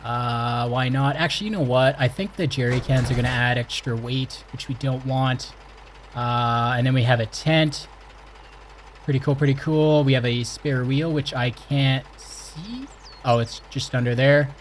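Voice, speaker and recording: A young man from Canada hosting his gaming channel, chatting excitedly and exclaiming as he plays. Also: mid-range voice, measured pace, slight background noise. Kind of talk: casual game commentary.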